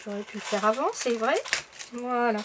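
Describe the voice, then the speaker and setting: A woman's voice: on the high side, normal speed, background noise. Chatty woman showing craft stickers. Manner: chatty, many fillers and little asides to viewers. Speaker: craft vlogger. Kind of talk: casual haul video.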